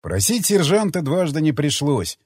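A man narrating an audiobook with a dramatic, lively delivery. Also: a little high, normal speed, husky, no room sound, studio quality.

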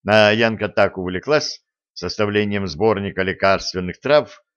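A man narrating a fairy-tale audiobook in a low, slow, even voice. The telling is unhurried and the sound is dull and lo-fi. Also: clean tone. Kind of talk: scripted fantasy narration.

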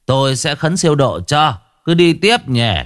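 A man's voice: fairly high pitch, expressive, moderate pace, pitched above the performer's own voice, close to an everyday voice. A man voicing an old village Taoist exorcist, sonorous and chanting. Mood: commanding. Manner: sonorous, chanting, self-assured.

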